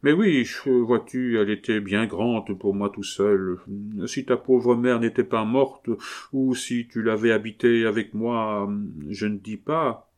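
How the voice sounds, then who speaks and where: A man reading aloud voices a kindly, gruff captain in his late fifties, an old hunter who talks to his son in an earnest, fatherly way. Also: on the low side, steady tone, measured pace, darkish tone, close to an everyday voice. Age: 50s.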